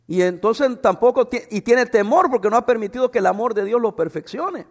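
A middle-aged man preaching a sermon as a pastor, animated, with humorous asides to the congregation. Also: very high voice, fairly quick. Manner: animated, acts out voices in quotes. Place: church hall. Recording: long hall reverb.

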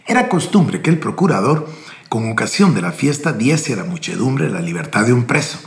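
In an echoey room, a man with a gravelly, medium-pitched voice preaches at a moderate pace in a sing-song way. He reads scripture aloud with emphatic, rising delivery, then offers his commentary on it.

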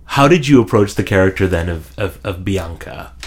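A man hosting a podcast interview, asking long questions with many halting restarts and repeated words. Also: low voice, expressive. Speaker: podcast host. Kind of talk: conversational interview.

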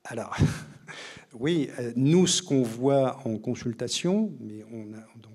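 Speaking slowly with a medium-pitched, expressive, darkish voice, a liver doctor and author explains things in an interview. His delivery is didactic and plain-voiced, packed with fillers and restarts.

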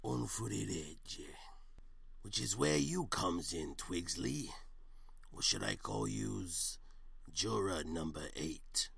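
A man voicing a menacing middle-aged mob boss who talks in a slow, streetwise gangster drawl in a comedic audio story. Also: sits low, sing-song, vocal fry, fairly bright tone, husky, no echo, heavily acted.

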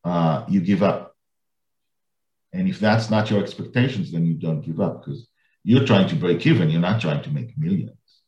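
Echoey, low-voiced man chatting. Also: moderate pace, dark tone. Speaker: podcast host. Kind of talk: casual interview chat. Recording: echoey, dull lo-fi room sound.

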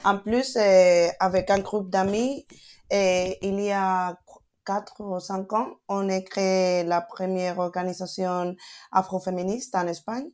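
A woman's voice: mid-range voice, steady tone, unhurried, darkish tone. A woman in her twenties from Spain, not a native French speaker, who speaks with a Spanish accent and talks hesitantly as a podcast guest, searching for words. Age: 20s. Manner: hesitant, searching for words, apologetic, laughs often. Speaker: guest, antiracist activist. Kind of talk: casual podcast conversation.

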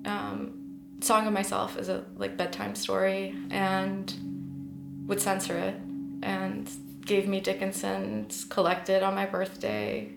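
This is a reflective interview in an echoey room with a poet in her thirties from the United States. Her medium-pitched voice has a gravelly texture as she talks about her life, thoughtful and hesitant, frequently starting sentences over.

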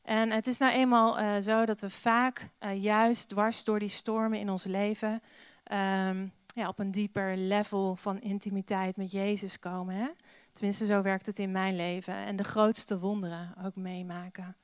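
A woman's voice: mid-range voice, flat delivery, unhurried, smooth, no room sound. A woman preaching a sermon and reading Bible passages aloud, in a conversational way with many filler sounds and rhetorical questions.

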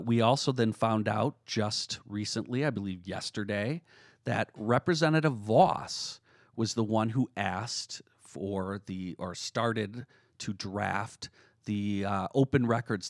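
A man hosting a political panel discussion, speaking in a hesitant, halting way. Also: on the low side, no echo, clean studio sound. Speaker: host.

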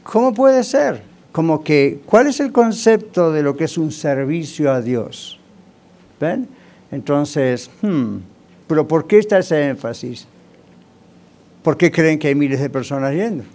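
A man's voice: fairly high pitch, lively intonation, takes it slowly, long pauses, darkish tone. A male pastor preaching a sermon in a conversational way, often asking the congregation rhetorical questions.

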